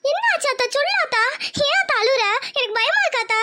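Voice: very high voice, quick pace, sharp tone. A performer voicing an anxious young village woman who pleads with her weeping mother in a cartoon. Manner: pleading, frightened questions. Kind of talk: cartoon voice acting.

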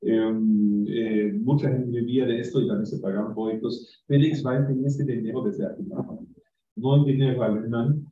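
A man presents his book at a university academic conference, his medium-pitched voice dark, steady, and at a normal speed. The talk is off the cuff and wandering, with frequent restarts and tag questions, captured in distant, roomy, dull live-stream sound.

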